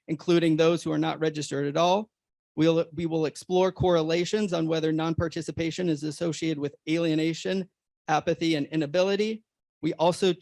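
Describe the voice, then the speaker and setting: A man on a conference panel, reading a prepared research presentation in a formal, steady way with occasional restarts. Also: on the high side, vocal fry, no echo.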